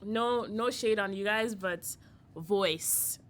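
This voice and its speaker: A young woman hosting a casual podcast chat, talking quickly with lots of "like" and frequent laughter. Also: mid-range voice. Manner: chatty, laughs often, heavy use of "like". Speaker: podcast host.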